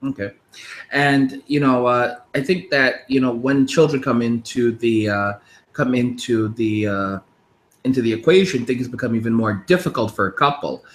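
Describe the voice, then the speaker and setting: A man's voice: mid-range voice, normal speed. Rambling man in his thirties, roomy sound. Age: 30s. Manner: rambling, with frequent restarts and laughs. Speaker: podcast host. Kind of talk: casual interview chat.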